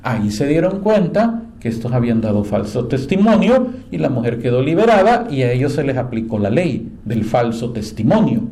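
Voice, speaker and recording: A man preaching a sermon to a small group, telling Bible stories and voicing the quoted speakers with lively emphasis. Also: moderate pace, few pauses. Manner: animated storyteller, acts out quoted speakers in a higher voice. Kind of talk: sermon, Bible class storytelling. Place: church meeting room with a live group.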